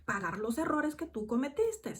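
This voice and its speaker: A woman preaching a sermon and reading from the Bible, emphatic, repeating phrases and swinging between loud and hushed. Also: high-pitched, sing-song, normal speed.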